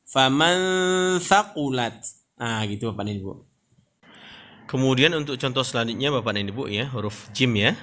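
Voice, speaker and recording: A man teaching Quran reading, patiently explaining and drawing out example words very slowly. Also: mid-range voice, animated, fairly bright tone. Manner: patient, repeats "Bapak dan Ibu, ya" often.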